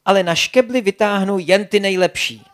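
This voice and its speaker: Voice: medium pitch, voice pushed up, close to an everyday voice. A storyteller voicing a playful female otter who keeps telling jokes and giggling at them, in a children's storybook reading. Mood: giddy. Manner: giggly, eager joke-teller.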